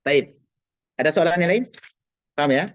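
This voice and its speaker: A man's voice: fairly high pitch, no room sound, dull audio. Patient man teaching Arabic over a call. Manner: slow drilled pronunciation of Arabic words; patient, reassuring. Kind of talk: online language lesson.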